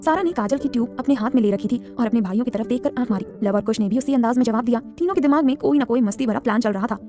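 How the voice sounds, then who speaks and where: A woman narrating an audio story in a brisk, dramatic storytelling manner. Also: fairly high pitch, warm tone, faint music behind.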